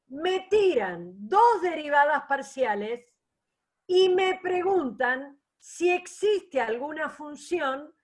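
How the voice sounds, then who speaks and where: A woman teaching a math class online, patient and explanatory, often checking that students follow. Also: high voice.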